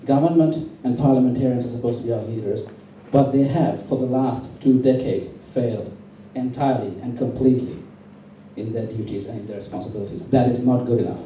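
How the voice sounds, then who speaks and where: Campaigning at an indoor public meeting, a man born in Sri Lanka speaks with fierce, deliberate emphasis. His voice is mid-range with a dark tone, captured in a distant, heavily echoing hall with faint noise.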